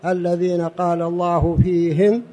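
A man giving a religious lesson in formal standard Arabic as a teacher, in a deliberate, didactic manner with repetition and rhetorical questions. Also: high-pitched, little pitch movement, dark tone. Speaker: religious teacher addressing a study gathering.

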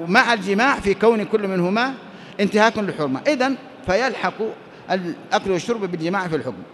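A man's voice: high voice, fairly bright tone, a little hiss or hum. A man giving a classroom lecture on Islamic law, explaining step by step and posing questions he then answers himself. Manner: explanatory, asks and answers his own questions. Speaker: teacher of Islamic jurisprudence.

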